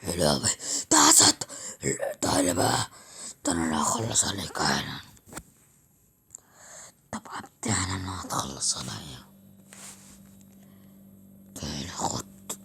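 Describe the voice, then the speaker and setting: A woman voicing a menacing beast in a hoarse, low whisper, with an Egyptian accent. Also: normal speed, pauses often, fairly bright tone, a little hiss or hum, heavily acted. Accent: Egyptian Arabic.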